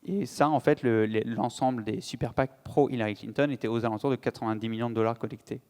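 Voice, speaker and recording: A man's voice: mid-range voice, steady tone, fast talker, darkish tone. Man speaking in a reverberant hall. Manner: hesitant, many fillers and restarts. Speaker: conference speaker. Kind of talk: political conference talk. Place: conference hall.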